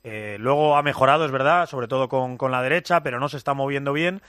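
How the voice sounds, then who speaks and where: A man's voice: medium pitch, fast, fairly bright tone, dry recording, clean studio sound. A man with an accent from Spain giving a conversational live sports report.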